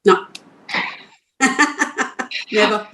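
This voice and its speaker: An older Australian woman from Queensland, a guest on a podcast interview, talks frankly and forthrightly, laughing easily and often restarting. She speaks very slowly in a fairly bright tone.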